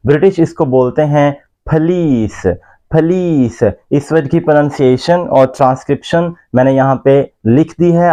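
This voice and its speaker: Slow, deep-toned man teaching pronunciation. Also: warm tone. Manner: slow, careful, spells words out and over-articulates English examples. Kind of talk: YouTube pronunciation lesson.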